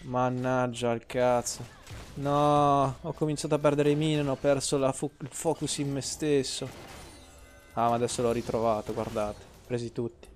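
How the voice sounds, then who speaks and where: A man's voice: medium pitch, little pitch movement, moderate pace, soft background music. A man, streaming gameplay and ranting at his chat, swearing freely and teasing. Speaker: game streamer. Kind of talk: casual live-stream gameplay commentary.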